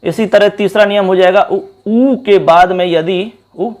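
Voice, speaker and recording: A man's voice: high voice, unhurried, a little mellow. A man teaching a Sanskrit grammar class at a board. He explains step by step, repeats key terms and calls his viewers friends.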